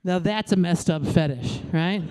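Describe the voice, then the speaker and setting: A woman in her late thirties doing a stand-up comedy set on a club stage, brash and crude, with deadpan asides to the crowd. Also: on the low side, unhurried, clean tone. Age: late 30s.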